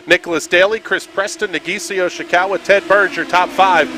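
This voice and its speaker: Higher-pitched male sim racing play-by-play caller. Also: steady tone. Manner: brisk, builds to shouts at incidents. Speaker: play-by-play commentator.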